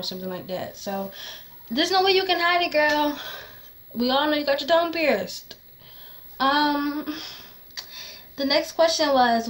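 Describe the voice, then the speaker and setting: A young woman chatting casually to camera in a rambling, distracted way, correcting herself, with slightly slurred, lisping speech from a tongue piercing. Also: fairly high pitch. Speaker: vlogger. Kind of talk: casual advice chat to camera.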